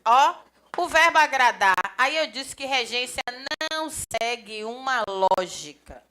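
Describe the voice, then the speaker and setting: A grammar teacher, giving a lively classroom lecture. She chats with students and acts out little dialogues. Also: fairly high pitch, measured pace. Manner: lively, chatty, acts out little dialogues, often points things out with "ó". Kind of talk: live classroom lecture for a civil service exam course.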